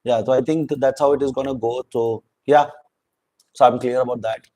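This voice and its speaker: A man's voice: mid-range voice, fairly even intonation, normal speed, warm tone, no room sound, poor audio. A man giving a rambling, opinionated spoken review of a reality show, mixing in Hindi words.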